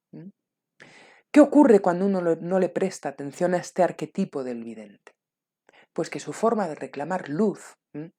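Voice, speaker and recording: A woman giving a calm spiritual talk, softly checking in with her listeners and sometimes dropping to a near whisper. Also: lowish voice. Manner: calm, soft-spoken, checks in often with "¿m?" and "¿vale?". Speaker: spiritual teacher.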